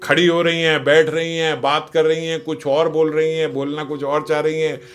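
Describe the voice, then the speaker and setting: A man giving a devotional scripture discourse, animated, acting out the dialogue and often laughing. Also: fairly high pitch, moderate pace. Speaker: devotional storyteller.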